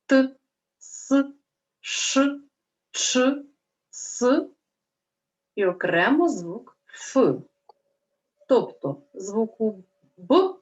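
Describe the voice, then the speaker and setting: A woman teacher giving a lesson to young children, pronouncing each sound slowly and carefully. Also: fairly high pitch, muffled recording. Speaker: primary school teacher.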